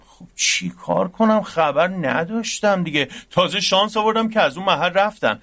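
A playful, teasing young student with a high, light voice, as an actor plays him in a radio drama. He is quick to argue and easily confused, and he jokes through every explanation. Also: a bit bright. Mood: joking. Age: young adult. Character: joking, muddled young male university dorm student.

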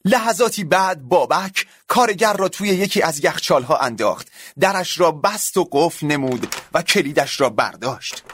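A man narrating a story in an expressive, dramatic audiobook style. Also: fairly high pitch, slight background noise.

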